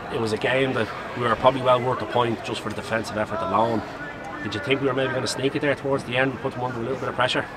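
A man's voice: medium pitch, steady tone, very fast, over a noisy crowd. An Irish man interviewing a player after a match, asking chatty, rambling questions outdoors at a stadium at night. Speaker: club interviewer. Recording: outdoor traffic noise.

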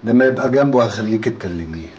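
A man's voice: on the low side, lively intonation, fast talker, darkish tone, dull audio, a little hiss or hum, lightly acted. An actor playing a sly, jovial male captor with an Egyptian accent and a mocking way of talking. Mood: scheming. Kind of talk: film drama acting.

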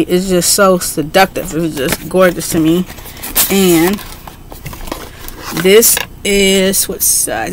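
A middle-aged woman talking casually on a home webcam in an excitable, chatty way, with frequent fillers. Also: medium pitch, a little hiss or hum. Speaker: beauty vlogger. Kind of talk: casual haul video. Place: bedroom at home, indoors. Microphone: webcam at desk.

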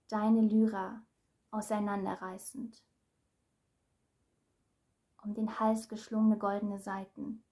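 A woman reciting her own dramatic spoken-word speech, slow and measured, sinking at times into a hush. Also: medium pitch.

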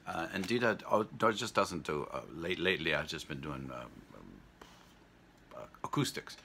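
An older man talks casually to his guitar channel viewers, his voice very low yet bright and forceful. He rambles and halts, chuckling between thoughts, with a faint hiss of noise behind him. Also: expressive, moderate pace, gravelly.

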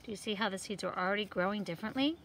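A woman's voice: medium pitch, rapid-fire, fairly bright tone, slight background noise. A woman reading aloud to young children like a kids-show host, sing-song and putting questions straight to her listeners. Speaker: teacher reading a picture book to young children.

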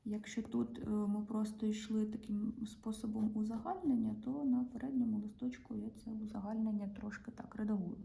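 Female art teacher with a Ukrainian accent, gravelly and dark, demonstrating drawing calmly, faint noise behind. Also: medium pitch, moderate pace, few pauses, poor audio. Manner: calm, explaining each pencil stroke as she works. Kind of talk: drawing lesson narration.

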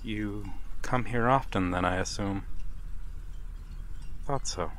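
Here a man with a lowish voice takes the part of a wistful, polite old-world vampire stranger at a harbour for a slow, intimate ASMR roleplay. He sounds courteous and inviting, speaking gently and formally in a halting way with soft chuckles and sighs, over slight background noise.

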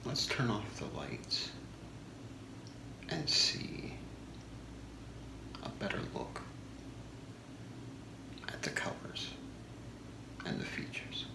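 Guy doing whispered role-play as a home shopping host, soft and really slow, echoey room with some noise. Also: huge pitch swings, gravelly. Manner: soft-spoken, slow, deliberate product pitch. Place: small home room, indoors.

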